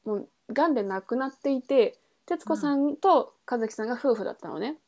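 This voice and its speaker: Expressive and high-pitched, with a darkish tone, this woman speaks at a moderate pace. In her podcast she introduces a book, casually walking listeners through the novel while thinking aloud and revising what she says.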